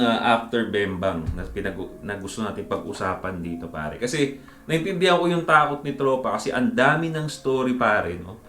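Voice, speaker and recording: A man's voice: medium pitch, a little hiss or hum. Chatty man giving dating advice in an echoey room. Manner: chatty, peppers talk with tag questions and buddy address; mixes English into his speech. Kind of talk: casual advice monologue. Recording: roomy echo with faint background music.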